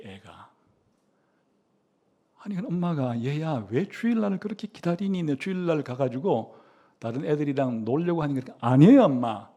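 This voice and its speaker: Middle-aged male pastor, storytelling sermon, lively pitch, acts out the characters, lots of "uh" fillers. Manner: animated storytelling, acting out a child's and mother's lines; frequent "어" fillers, trailing soft endings.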